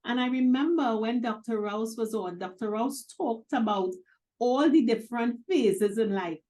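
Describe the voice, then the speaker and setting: A middle-aged woman co-hosting a talk show, emphatic and quick to laugh. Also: a little high, a little mellow. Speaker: co-host. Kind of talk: casual talk-show chat.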